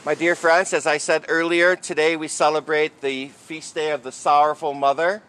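Bright-voiced man preaching as a priest. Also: fairly high pitch, level tone, moderate pace, low-quality recording. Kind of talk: sermon and liturgical reading at Mass.

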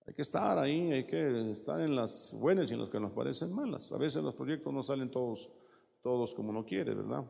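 A man's voice: medium pitch, expressive, brisk, creaky, dark tone, in a large hall. A man preaching a sermon, in a conversational way, often turning to his listeners with rhetorical asides.

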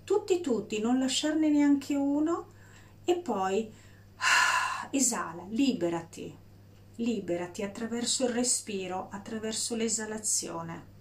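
A woman guiding a breathing meditation in a slow, soft, soothing voice with long pauses. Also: on the high side. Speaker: meditation guide.

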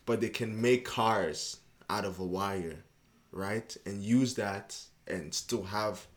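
Speaking slowly in a lowish voice, a young man from Canada guests on a podcast for a relaxed interview chat. He talks loosely and keeps checking in with "you know what I mean."

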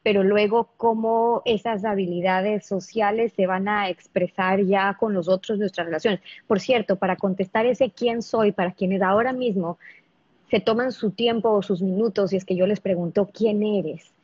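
A woman's voice: medium pitch, steady tone, moderate pace, darkish tone, slightly rough, no echo, highs cut off. A woman hosting an interview, summing up her guest's points and putting thoughtful questions to him. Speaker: host.

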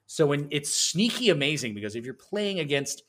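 A man co-hosting a podcast in casual chat, rambling and animated, acting out other players as he tells stories. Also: on the high side, moderate pace. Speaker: podcast co-host.

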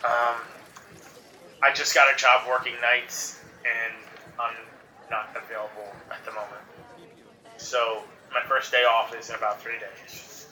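Guy putting on a raspy half-asleep grump, bright edgy tone, echoey and far off mic. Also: mid-range voice, flat delivery, a little slow, pauses often, voice pushed down. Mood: groggy. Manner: curt, groggy replies. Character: sleep-deprived grumpy man woken from sleep.

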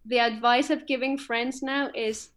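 A woman's voice: fairly high pitch, fairly even intonation, unhurried, a bit bright. A young woman in casual chat, upbeat and reflective, often agreeing with her friend.

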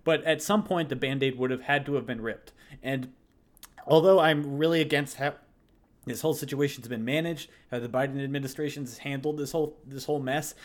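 A man co-hosting a podcast, making measured arguments and granting the other side's points before pushing back. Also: medium pitch, fairly even intonation. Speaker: podcast co-host. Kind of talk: casual political debate.

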